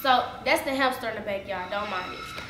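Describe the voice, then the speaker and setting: A woman's voice: medium pitch, fairly quick, music in the background. A young woman vlogging to camera, venting indignantly and repeating herself, full of "like" and "y'all". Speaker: YouTuber. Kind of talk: casual vlog rant to camera. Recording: echoey room.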